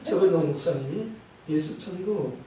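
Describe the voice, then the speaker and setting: A male pastor preaching a sermon in a church, in a measured way, often dropping a short "yes" between phrases and quoting verses. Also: on the high side, dark tone, a little hiss or hum. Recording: echoey hall, voice from a distant mic.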